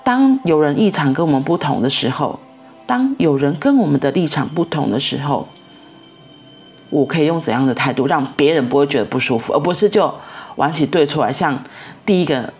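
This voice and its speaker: A woman's voice: low-pitched, lively intonation, a little fast, a little mellow, breathy edge, faint music behind. A middle-aged woman, telling a story in a casual, rambling way and repeating herself as she goes. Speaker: vlogger.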